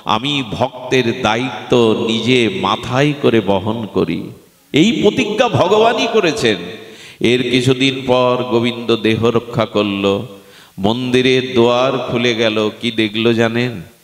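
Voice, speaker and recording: A man's voice: fairly even intonation, slow pace, long reverb tail. A man preaching a devotional sermon, telling a sacred story with impassioned rises and chanting verses in melody. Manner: impassioned, rising to high emotional peaks.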